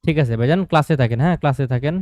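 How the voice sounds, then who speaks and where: A man's voice: fairly high pitch, rapid-fire, darkish tone, no room sound, clean studio sound. A man with a Bangladeshi Bangla accent teaching a live online trading class, asking questions and answering them himself and mixing in English terms.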